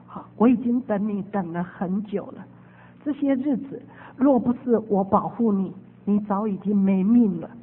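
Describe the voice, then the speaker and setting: A woman voicing a gentle male divine voice that speaks softly, slowly and low. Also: slightly rough, close to an everyday voice. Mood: tender. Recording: phone-like radio sound, long reverb.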